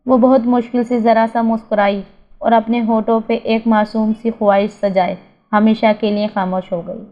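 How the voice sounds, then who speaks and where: A woman narrating an emotional story in a measured, emotive way, on a slightly dull recording. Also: fairly high pitch, little pitch movement.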